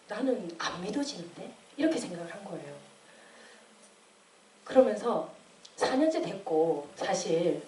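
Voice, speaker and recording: Woman, late 20s, church testimony. Animated storyteller with a mellow tone. Roomy, distant mic. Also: medium pitch, a little hiss or hum. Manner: animated storytelling, acting out quoted voices. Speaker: church member giving testimony. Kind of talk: personal testimony. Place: church hall. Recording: echoey room, distant mic.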